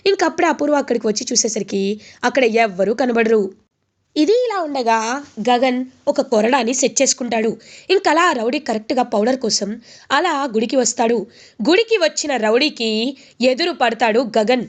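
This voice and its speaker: Woman narrator, high voice, lively serial recap that slips into character lines. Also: moderate pace. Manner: lively retelling, voicing each character's lines. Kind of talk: storytelling recap with acted quotes.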